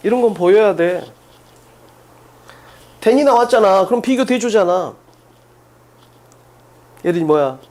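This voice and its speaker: A man's voice: high-pitched, lively intonation, a little mellow. Emphatic man drilling an exam-prep class. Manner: drills students with rapid questions, emphatic. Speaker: English teacher.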